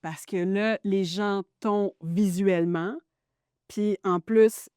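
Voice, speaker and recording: Woman, radio journalist, mid-pitched, thoughtful, lots of hesitation, dry close sound. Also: fairly even intonation, slow pace, darkish tone, clear, resonant tone, no echo. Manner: reflective and enthusiastic, many hesitations. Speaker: radio journalist and host, interview guest. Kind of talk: casual interview conversation. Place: radio studio.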